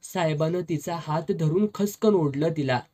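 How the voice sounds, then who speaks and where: An audiobook narrator reading a serialized novel in a steady, measured storytelling voice. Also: medium pitch.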